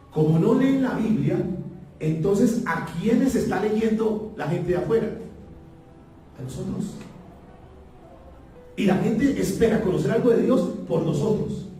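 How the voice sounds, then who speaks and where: A man's voice: high-pitched, dark tone. A man preaching as pastor, emphatic, repeating key phrases and calling the congregation to repeat after him. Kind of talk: sermon. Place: church hall. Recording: very echoey room, heard from far off.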